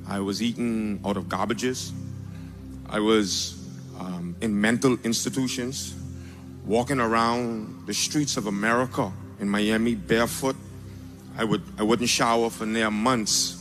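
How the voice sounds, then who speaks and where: A man raised in the Bahamas giving a spoken testimony on a large auditorium stage into a handheld mic, animated and breaking into shouts when excited. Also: on the low side. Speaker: testimony speaker at a church event. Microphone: handheld mic held by another man.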